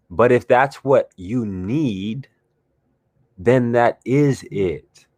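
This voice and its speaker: A man hosting a guided group talk, speaking in a calm, drawn-out, reflective way with sighs. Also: fairly low pitch. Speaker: host leading a guided discussion. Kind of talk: slow meditative guided talk.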